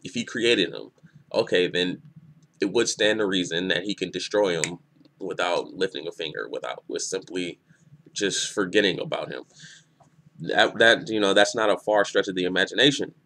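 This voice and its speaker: A man giving a casual spoken review of a comic chapter, excitable and rambling, often restarting his sentences. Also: sits low, moderate pace. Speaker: manga reviewer.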